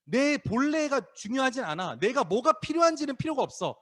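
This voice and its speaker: A man's voice: extremely high pitch, brisk. A man preaching a casual, playful sermon to middle schoolers as youth pastor, acting out voices as he goes. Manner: lively, acts out crowd voices, teasing students by name. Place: small church worship room.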